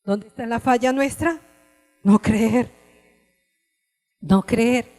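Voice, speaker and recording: A woman preaching a sermon with passion, rising to cries and dropping to hushed tones. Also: a little high, slow pace, long reverb tail, faint music behind. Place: church service.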